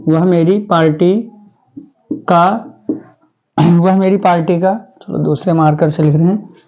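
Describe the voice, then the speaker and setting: A man's voice: sits high, steady tone, slow pace, a little mellow. A male teacher, explaining grammar to his class. He keeps asking questions and answering them himself. The recording is dull and lo-fi.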